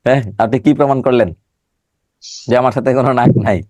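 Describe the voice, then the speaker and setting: Joking teacher with a cold. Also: male voice, medium pitch, a little fast, darkish tone, dry recording. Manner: joking, scolding students by name. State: has a cold. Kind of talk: online class lecture with teasing banter.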